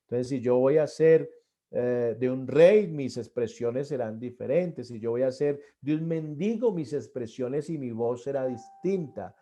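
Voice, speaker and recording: A middle-aged man giving a church arts lesson on stage performance, earnest, often repeating and restarting his words and pushing key points louder. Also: medium pitch, measured pace. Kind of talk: classroom lecture on stage performance.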